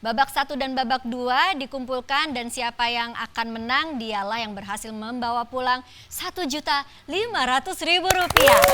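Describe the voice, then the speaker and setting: A woman hosting a TV game show, calling out scores and winners as an emphatic prize announcer who draws out results. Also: high-pitched. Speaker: quiz show host. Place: TV studio. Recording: loud noise, clicks.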